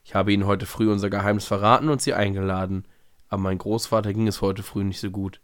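Man voicing earnest little girl, hopeful and a bit bossy, low voice, dry sound. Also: fairly even intonation, fast talker, dry recording, natural voice.

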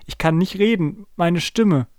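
A man voicing a hoarse young boy named Mark who has lost his voice. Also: fairly high pitch, level tone, measured pace, a little mellow, no echo, clean studio sound, lightly acted. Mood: pleading.

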